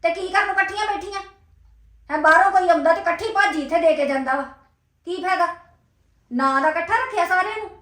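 A woman's voice: very high-pitched, quick pace, pauses often, fairly bright tone, roomy sound. A woman with a Punjabi accent, acting an angry, reproachful younger sister-in-law in a scripted family drama.

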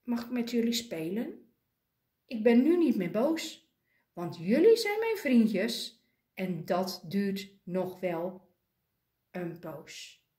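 A woman voicing a grumpy young male penguin who refuses to join in, speaking in a stubborn, drawn-out way. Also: mid-range voice, very animated, mellow, reverberant. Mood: cheerful.

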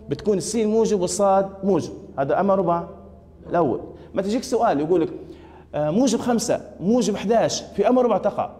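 A man's voice: high-pitched, mellow, in a large hall. A man with a Libyan Arabic accent teaching a math lesson, asking students questions and repeating their answers. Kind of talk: classroom lesson.

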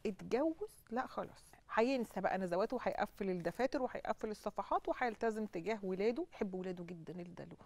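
A woman's voice: mid-range voice, animated, fast, darkish tone. A woman with an Egyptian accent, a guest astrologer on a studio talk show, explaining confidently and working through her points one by one.

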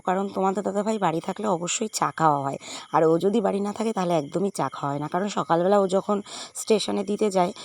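A woman with a hoarse voice from a cold, chatting in a rambling, filler-heavy way as she vlogs her morning at home. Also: on the low side, a little mellow. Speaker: vlogger. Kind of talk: casual home vlog chat.

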